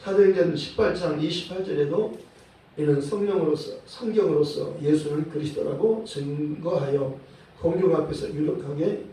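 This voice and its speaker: A male pastor preaching a sermon in a church, in a measured way, often dropping a short "yes" between phrases and quoting verses. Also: fairly high pitch, mellow. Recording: echoey hall, voice from a distant mic.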